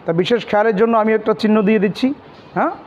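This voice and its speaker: A man with a Bangladeshi Bengali accent teaches Quran pronunciation step by step, slowly spelling out letters and vowel marks and repeating every syllable. His voice sits high, and the dull audio carries the sound of a big room.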